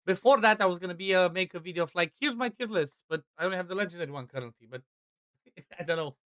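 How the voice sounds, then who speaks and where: A man chats casually on a live game stream, rambling from one thought to the next with quick asides. His voice sits a bit high and comes across smooth and clear. The sound is dry and close, with no room around it. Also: pushed and bright, no echo. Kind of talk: casual chat while gaming.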